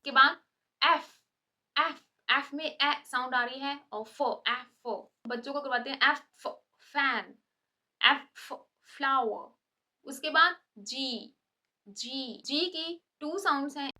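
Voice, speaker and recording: A woman teaching letter pronunciation, slowly stretching out example sounds as she explains. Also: high voice, pushed and bright. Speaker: English teacher. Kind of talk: Hindi-English lesson explanation.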